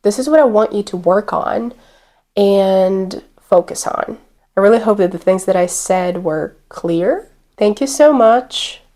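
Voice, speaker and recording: Deliberate-speaking woman coach. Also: mid-range voice, dark tone. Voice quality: deliberate, clear pacing with pauses. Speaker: accent coach. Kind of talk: instructional talk to camera.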